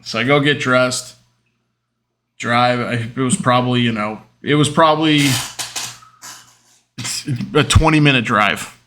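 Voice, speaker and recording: A man hosting a podcast, telling casual stories in a rambling way, full of fillers, getting loud and animated when he retells arguments. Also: medium pitch, measured pace, long pauses, slight background noise. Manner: rambling, with many fillers like "um" and "whatever". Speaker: podcast host. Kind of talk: casual storytelling monologue.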